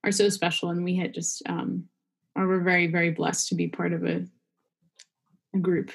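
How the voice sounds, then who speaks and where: A young woman hosting a faith podcast in a casual chat, warm-hearted and full of fillers like "um" and "you know". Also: fairly low pitch, little pitch movement, normal speed, creaky, husky. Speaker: podcast host.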